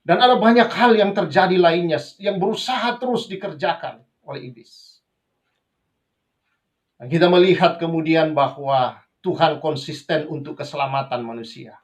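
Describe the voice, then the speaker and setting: A man who is a pastor preaching a sermon, swinging between raised passages and quiet asides, often addressing the congregation as brothers and sisters. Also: on the high side, moderate pace. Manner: preaches with sudden rises and drops, addresses listeners as brothers and sisters.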